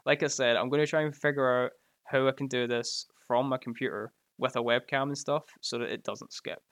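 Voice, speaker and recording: A man with a Glasgow accent chats and jokes loosely as he reads his stream chat aloud. His voice sits at an ordinary middle pitch. It is recorded dry and close, with almost no room sound. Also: steady tone, a little fast, fairly bright tone, dry recording. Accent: Scottish, Glaswegian. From Scotland. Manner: chatty and joking, laughs often. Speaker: live streamer reading chat. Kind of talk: casual live-stream chat. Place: at home by his computer. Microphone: close mic right in front of the mouth.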